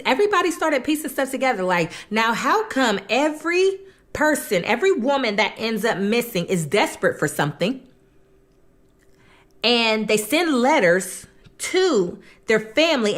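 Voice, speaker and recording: A woman tells a true crime story in a loose, chatty way between bites of food. Her speech is slangy and colloquial, and she acts out what each person says as she goes. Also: a little high. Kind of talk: casual storytelling over a mukbang meal.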